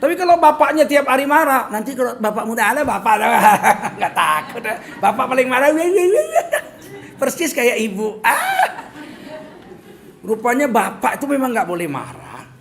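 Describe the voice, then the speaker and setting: A man's voice: very high voice, a little fast, hardly any pauses, a little hiss or hum. A middle-aged man from Medan with a Medan accent, giving a humorous sermon and acting out little scenes as he talks. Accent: Medan Indonesian. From Medan, North Sumatra. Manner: joking and animated, acting out little scenes in asides. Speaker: preacher.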